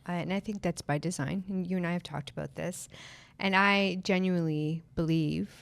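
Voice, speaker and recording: Lower-voiced woman co-hosting a podcast. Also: fairly even intonation, creaky. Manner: agreeable, backs up with quick affirmations. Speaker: podcast co-host. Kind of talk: casual podcast conversation.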